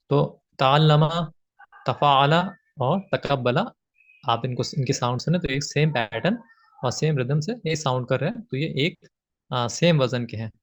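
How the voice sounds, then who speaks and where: A man teaching grammar from slides, patiently repeating his points with frequent fillers. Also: medium pitch. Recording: slightly dull lo-fi audio.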